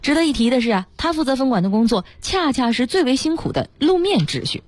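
A woman's voice: high voice, sing-song, slight background noise. A female radio co-host, retelling a news item and chatting with her partner in a studio. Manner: brisk backchannels, reads news items smoothly.

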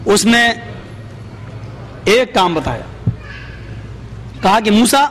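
A man's voice: high-pitched, sing-song, a bit bright, a little hiss or hum. A man preaching a sermon, telling a story with dramatic rises in his voice for quoted speech, before a seated gathering.

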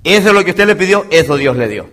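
A man preaching a sermon as a pastor in a church, swinging between loud exclamations and quiet asides. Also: fairly high pitch, very animated, fast. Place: church sanctuary.

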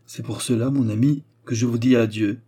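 A man's voice: medium pitch, steady tone, a little fast, warm tone, husky, close to an everyday voice. A man reading a young woman's tender, resigned farewell letter in an audiobook.

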